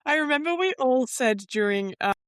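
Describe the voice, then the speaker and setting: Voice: high voice, lively intonation, moderate pace, a bit bright, smooth, dry recording, studio quality. A podcast host asking broad questions in a casual, chatty way, often breaking off and restarting sentences. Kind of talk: casual interview chat.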